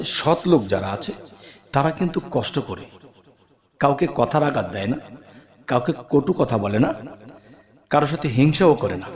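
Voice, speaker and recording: Guy preaching, earnest, goes up on questions then low n soft, mid pitch, echoey room. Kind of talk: religious talk.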